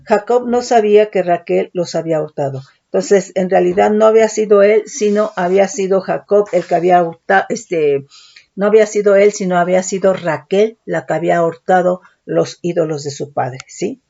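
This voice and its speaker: A woman's voice: lowish voice, normal speed, creaky, dark tone, highs cut off. A woman teaching a Bible study, reading scripture aloud and checking in with her listeners through frequent tag questions, spelling out word roots methodically. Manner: checks in with frequent "¿verdad?" and "¿sí?" tags.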